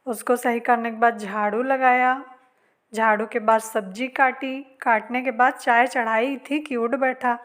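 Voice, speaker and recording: A middle-aged woman with a North Indian Hindi accent, quietly narrating her day at home in a slow, soft voice-over. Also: on the high side, steady tone. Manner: speaks softly and slowly so as not to disturb. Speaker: family vlogger. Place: room at home, indoors.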